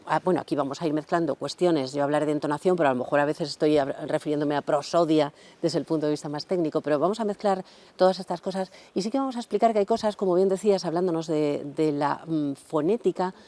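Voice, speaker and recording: A woman hosting a radio interview, asking questions slowly with hesitant fillers. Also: on the low side, warm tone. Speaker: radio host. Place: radio studio.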